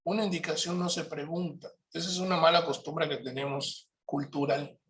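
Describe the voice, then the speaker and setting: Leading a parenting workshop, a somewhat high-voiced man lays out each point in a calm, instructive manner, pausing often to check on his audience with a questioning "¿Sí?".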